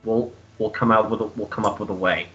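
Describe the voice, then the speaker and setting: A man with a fairly low, bright voice role-plays at a tabletop game. He often doubles back on his phrases. The recording is a little dull. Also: steady tone, a little fast, a little hiss or hum. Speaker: player. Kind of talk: in-character tabletop role-play. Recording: slightly muffled, lo-fi.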